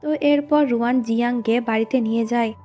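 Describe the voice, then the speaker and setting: A woman's voice: on the high side, fairly even intonation, fairly quick, mellow, faint music behind. A woman narrating and recapping the plot of a drama in a plain storytelling way, reading the characters' lines in her own voice. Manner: plain recounting, reads quoted lines in the same voice.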